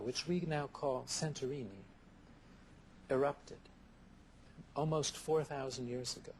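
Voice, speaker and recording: A man answering interview questions in a thoughtful, measured way, often listing ideas one after another, heard from a worn VHS tape copy. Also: medium pitch, gravelly, darkish tone, slight background noise. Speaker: interview guest, therapist.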